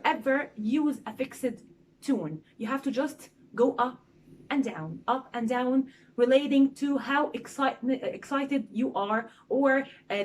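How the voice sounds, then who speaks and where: Lively woman teaching English, fairly high voice. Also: a little hiss or hum. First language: Egyptian Arabic. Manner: lively, demonstrative, frequent "okay?" and "uh" fillers. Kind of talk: casual English lesson on presentation skills.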